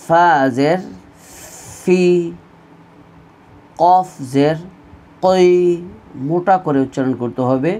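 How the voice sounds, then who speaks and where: Man, online reading teacher, very slow deliberate delivery, repeats sound pairs for students. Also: fairly high pitch, a little mellow. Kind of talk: slow recorded online lesson.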